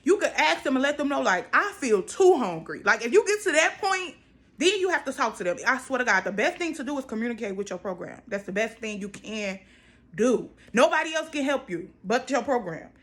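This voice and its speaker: A woman's voice: on the high side, sing-song, a little fast, fairly bright tone. An American woman in her twenties chatting casually to viewers, emphatic and repeating phrases for stress. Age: 20s. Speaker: vlogger. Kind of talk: casual personal vlog chat to viewers.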